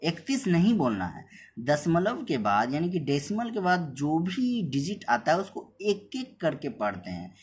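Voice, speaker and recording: A man teaching a maths lesson, explaining step by step, repeating points and reading numbers out slowly. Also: a little high, wildly swooping pitch, slightly rough. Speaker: math teacher. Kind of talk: whiteboard lesson.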